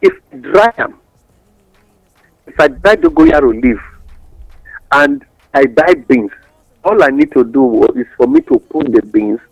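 A man with a Nigerian accent and an expressive, mid-range voice explains things in West African Pidgin English as a radio guest giving advice. He speaks a little slowly with long pauses, teaching through examples and rhetorical questions, on a rough recording without echo.

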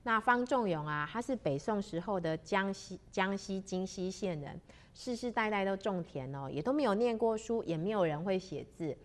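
A woman's voice: mid-range voice, expressive. A woman tells a spiritual moral story to fellow practitioners. She speaks unhurriedly and draws out the particles at the ends of her phrases. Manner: unhurried, sentence-final particles drawn out. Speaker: religious storyteller.

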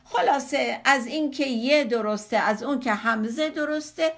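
A woman's voice: high-pitched, a bit bright. Woman retelling an old poem's tale. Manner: conversational, patient, retelling step by step. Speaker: teacher explaining classical poetry. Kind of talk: storytelling explanation of a poem.

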